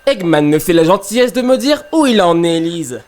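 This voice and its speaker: A man's voice: high-pitched, lively intonation, a little fast, darkish tone. A man voicing a cocky, brave young male hedgehog hero in an amateur French game fan dub. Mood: confident. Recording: background music under the voice.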